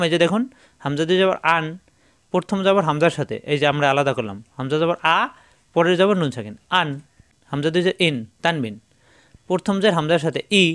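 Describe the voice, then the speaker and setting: A male Quran teacher giving a patient step-by-step recitation lesson, slowly repeating each syllable for his learners. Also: a little high, fairly bright tone, no echo.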